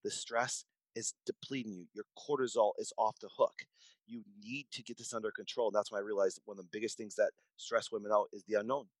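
A doctor in his forties, appearing as a podcast guest, tells stories from his medical practice in a conversational interview. His fairly low voice, with little pitch movement and a slightly fast pace, sounds dry and close with no room sound, though the recording is rough. He speaks emphatically, repeating words and restarting sentences.

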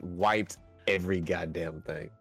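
A man with a deep voice chats casually as a podcast guest. He is blunt and sweary, given to griping, with light music in the background. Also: fairly even intonation, unhurried, creaky, husky. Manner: blunt, profane, complaining. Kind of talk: casual chat.

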